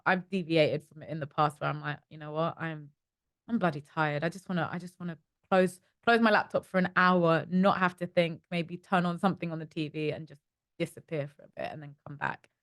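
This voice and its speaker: A young woman with a London accent talks through her days in a relaxed interview, acting out her own thoughts as she goes. Her voice sits a little low for a woman and is recorded close and dry. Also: a little fast, no room sound. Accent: London English. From East London, England. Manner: chatty, animated storytelling with acted-out inner voices. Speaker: startup co-founder, guest. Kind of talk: casual interview chat.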